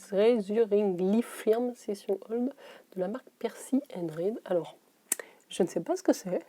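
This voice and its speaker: A woman chatting casually as she unboxes beauty products, laughing to herself and reading labels slowly. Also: medium pitch, mellow, a little hiss or hum. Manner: slows to read labels, drops to a whisper on names. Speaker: beauty vlogger.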